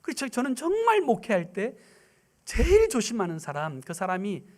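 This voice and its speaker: Man, pastor, Sunday sermon, high voice, very lively pitch, rhythmic repeated phrases, loud-to-hushed swings. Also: normal speed. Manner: emphatic storytelling, swinging between loud declarations and hushed near-whispers; repetitive, rhythmic preaching cadence. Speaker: guest pastor. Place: church sanctuary.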